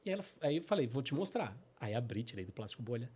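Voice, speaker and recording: A middle-aged man with a Brazilian Portuguese accent telling personal stories on his podcast, animated and full of fillers. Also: mid-range voice, fast, breathy edge. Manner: animated, acts out quotes, many fillers like "né" and "tipo assim". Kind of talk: casual storytelling.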